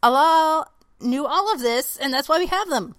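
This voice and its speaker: A woman's voice: sits high, animated, normal speed, fairly bright tone, no room sound, clean studio sound. A woman co-hosting a podcast in casual chat, speaking frankly and emphatically, with casual swearing. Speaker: podcast co-host.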